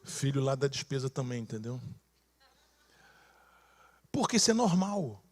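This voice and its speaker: A man's voice: mid-range voice, measured pace. A man with a Brazilian Portuguese accent, a bishop preaching a sermon and telling stories, acting out the people in them with many restarts. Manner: animated storyteller, acts out quoted voices, frequent restarts. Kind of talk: sermon storytelling.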